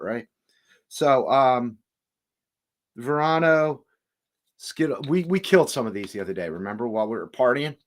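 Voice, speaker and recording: A man hosting a casual home livestream, rambling and stop-start as he greets viewers in the chat. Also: mid-range voice. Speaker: livestream host reviewing cannabis.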